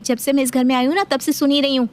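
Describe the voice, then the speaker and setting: A woman's voice: sits high, steady tone, fast talker, a little mellow, voice pushed up, lightly acted. A woman voicing a touchy, defiant young daughter-in-law who argues back indignantly. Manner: indignant, argumentative.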